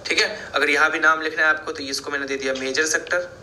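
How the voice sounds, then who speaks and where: Bright-voiced man teaching at a board. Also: a little high, steady tone, fast talker, slight background noise. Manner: explains step by step, asks and answers own questions. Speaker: math teacher. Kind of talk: board lecture. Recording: echoey room.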